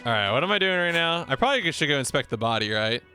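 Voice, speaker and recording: A man's voice: medium pitch, big pitch swings, fast, pushed and bright, faint music behind. A man streaming a game and chatting casually, rambling and playful as he plays.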